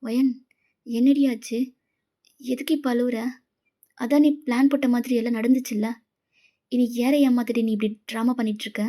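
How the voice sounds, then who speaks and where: A woman's voice: a little high, little pitch movement, moderate pace, long pauses, warm tone, close to an everyday voice. A woman voicing the heroine's best friend, a young woman who scolds and accuses her. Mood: bewildered.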